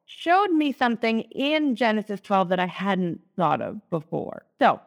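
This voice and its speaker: A woman's voice: mid-range voice, big pitch swings, a little slow, vocal fry. A woman co-hosting a lectionary podcast, talking in a chatty, teacherly way. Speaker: podcast co-host, Lutheran. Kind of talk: casual lectionary podcast chat.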